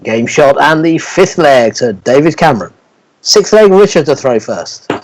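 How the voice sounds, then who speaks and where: A man's voice: on the high side, expressive, measured pace, a little hiss or hum, rough recording. A man working as a darts score caller, announcing scores and legs in formal, short clipped calls.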